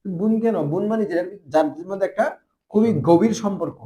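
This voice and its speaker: A man's voice: sits high, fairly quick, dark tone. A man teaching a madrasa grammar lesson, quizzing his students with constant rhetorical questions. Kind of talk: classroom Arabic grammar lesson.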